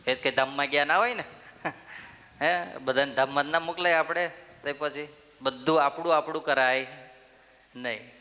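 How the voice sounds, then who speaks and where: A man's voice: on the high side, steady tone, normal speed, long pauses, pushed and bright. A man giving a temple sermon, telling a story and putting questions to the listeners, then answering them himself. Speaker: swami giving a temple discourse. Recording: long hall reverb.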